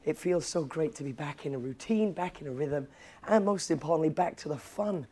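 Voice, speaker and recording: An upbeat, enthusiastic man in his thirties, a cruise director and vlog host, chats casually to camera aboard a cruise ship, moving through cabins, corridors, and busy public decks. His voice is fairly high, expressive, and darkish, and he talks fairly quickly.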